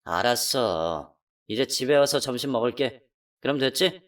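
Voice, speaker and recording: A man playing a middle-aged husband caught cheating, speaking in a low, subdued, apologetic way in a radio drama. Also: animated, normal speed, a bit bright, distant mic, natural voice. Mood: evasive.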